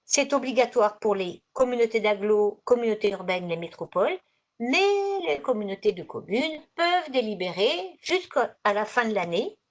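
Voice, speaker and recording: Through dull, lo-fi video call audio picked up by a conference microphone, a woman leads an online training session with slides. She explains conversationally and didactically, rewording things along the way. Her slightly high voice swings widely in pitch while keeping a moderate pace.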